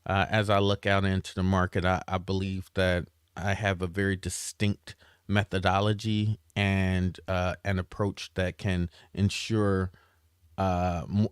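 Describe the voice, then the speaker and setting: A man giving a casual update to his followers on his cybersecurity training work, halting often with fillers and restarts. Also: deep voice, clean tone, no echo, studio quality.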